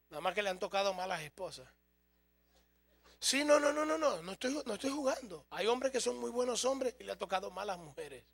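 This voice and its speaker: Man, pastor, sermon, joking with the congregation, raised pitch, rough fry in the voice. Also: fairly bright tone. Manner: humorous, speaks directly to the congregation.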